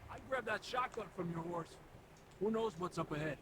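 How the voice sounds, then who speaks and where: Urgent high-pitched Wild West outlaw. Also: male voice, expressive, normal speed, noisy background. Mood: terse, wary. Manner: urgent, terse, calling out. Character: rugged male Wild West outlaw searching for a comrade. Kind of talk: video game dramatic acting.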